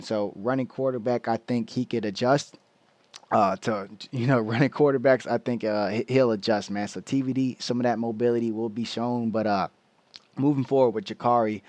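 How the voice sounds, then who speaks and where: A man at an ordinary middle pitch gives a casual football film breakdown, his slangy commentary full of restarts as he explains each play. He is recorded close and dry, with no room sound, and he is fighting the hiccups. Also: a little mellow, no room sound. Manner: loose, slangy, restarts a lot while explaining plays.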